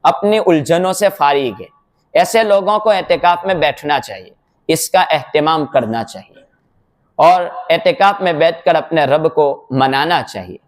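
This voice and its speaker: A mufti delivering a sermon in a mosque, explaining points step by step with rhetorical questions and quoted sayings. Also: male voice, on the high side, a little slow.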